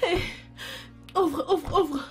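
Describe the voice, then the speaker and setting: A woman's voice: very high voice, drawn-out words, soft background music, full character voice. A woman dubbing an anxious housemaid in a French film dub, calling out urgently for help.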